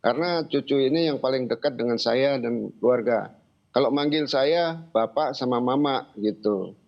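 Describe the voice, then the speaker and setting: Older male interviewee, halting and informal, recounting events; middle-pitched voice on muffled, lo-fi audio. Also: creaky. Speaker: interviewee, grandfather of a missing child. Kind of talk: spoken interview account. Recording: dull lo-fi sound.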